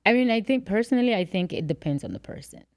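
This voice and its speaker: A woman from Angola, a guest in a casual chat among friends, talking in a relaxed, thoughtful way. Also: mid-range voice, fast talker, dry recording, studio quality.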